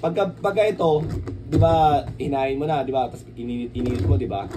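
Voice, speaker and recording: Speaking with a Filipino accent, a vlogger chats loosely while unboxing something, his mid-range voice brisk. He rambles and keeps checking for agreement with repeated tag questions. The recording is clearly noisy and the microphone sounds far away.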